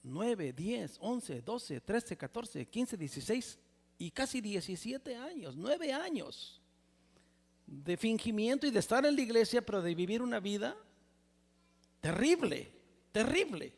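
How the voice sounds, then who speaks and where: A Mexican man in his sixties preaching a personal testimony sermon in a church, with a Mexican Spanish accent, swinging from loud exclamations to near whispers. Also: sits high, very animated, measured pace, vocal fry. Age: 60s. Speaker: pastor. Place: church sanctuary. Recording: reverberant church hall.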